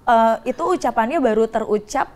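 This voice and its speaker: A woman's voice: fairly high pitch, expressive, brisk, a little mellow. A woman guest in a casual interview, speaking earnestly and hesitantly with many fillers.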